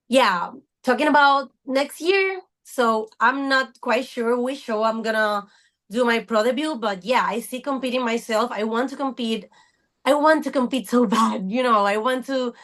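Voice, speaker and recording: A woman's voice: on the high side, unhurried, fairly bright tone. A woman in her thirties, a guest on a podcast, speaking earnestly and searching for her words. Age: 30s. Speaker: podcast guest, fitness coach. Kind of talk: casual interview talk.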